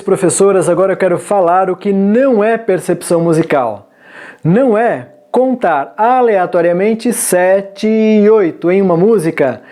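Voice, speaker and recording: A man teaching forró dance, explaining musical phrasing in a measured, explanatory way. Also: high voice, warm tone. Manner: measured, explanatory, sings short lyric lines to demonstrate counting. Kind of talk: instructional video lesson.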